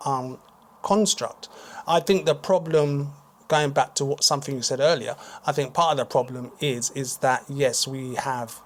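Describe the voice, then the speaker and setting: A British man speaking as a guest author on a radio talk show, explaining in a measured way and repeating words as he thinks. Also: medium pitch, a little hiss or hum. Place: radio studio.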